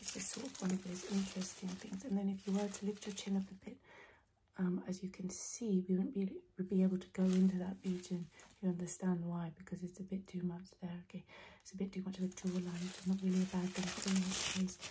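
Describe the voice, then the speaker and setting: A woman doing an ASMR role-play in a soft, breathy ASMR voice, coaxing the listener playfully with repeated trigger words and tingly mouth sounds. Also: monotone, fast, a little hiss or hum, poor audio. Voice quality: soft-spoken, breathy soft voice, often slipping into soft low speech. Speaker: ASMR performer.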